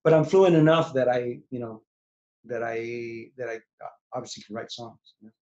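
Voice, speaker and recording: A forties-aged singer-songwriter from New York City talks in a casual interview via video call from a small room at home, meandering, often restarting, and trailing off softly. His mid-range voice moves at a moderate pace, and the webcam audio comes through dull and lo-fi.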